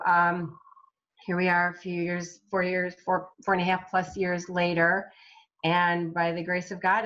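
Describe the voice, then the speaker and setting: Woman guest, author, slow halting testimony, low voice, muffled recording. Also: fairly bright tone. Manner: halting, with many restarts and fillers. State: recovering from a brain injury. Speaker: guest, self-published author. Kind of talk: personal testimony in an interview.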